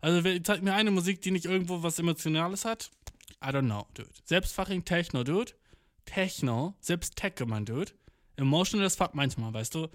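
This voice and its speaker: Young man, comedic monologue, slangy and profane, English phrases mixed in, slightly high voice, dry close recording. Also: lively intonation, moderate pace, dry recording. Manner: slangy, swearing, mixes English phrases, acts out quotes.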